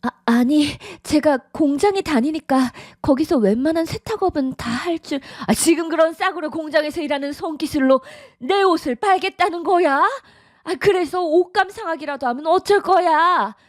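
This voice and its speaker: A woman's voice: sits high, expressive, moderate pace, few pauses, dry recording, clean studio sound. A synthetic voice of a middle-aged woman playing a domineering, contemptuous widowed mother who nags and scolds in a radio drama. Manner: nagging, sighing, sharp scolding. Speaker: disapproving mother-in-law.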